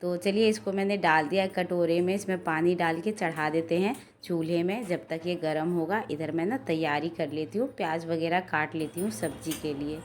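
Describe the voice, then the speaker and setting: A woman in her thirties with a hoarse voice from a sore throat, narrating a casual cooking and daily-life vlog from her home kitchen in a chatty, rambling way. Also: lowish voice, normal speed, hardly any pauses, a little hiss or hum. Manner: chatty, rambling, frequent filler "ना". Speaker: vlogger and mother.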